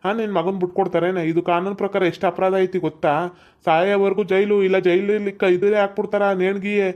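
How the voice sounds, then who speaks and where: A woman's voice: medium pitch, level tone, a little fast. A woman with a North Karnataka Kannada accent, scolding and pleading in a village skit. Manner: scolding, pleading, dialect-heavy. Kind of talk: scripted village comedy-drama. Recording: dull lo-fi sound.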